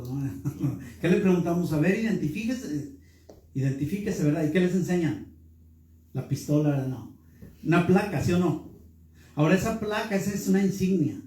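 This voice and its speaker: A male pastor with a fairly high, mellow voice delivers a Bible class sermon in a church hall, teaching and repeatedly putting questions to the room. The hall is echoey and he stands far from the microphone.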